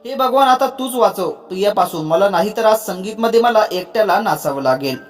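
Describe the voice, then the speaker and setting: A man's voice: high voice, expressive, fairly quick, faint music behind. A storyteller voicing a playful young man who teases his friends, in a read-aloud story. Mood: panicked. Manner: playful, boastful. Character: teasing young man, joking ringleader.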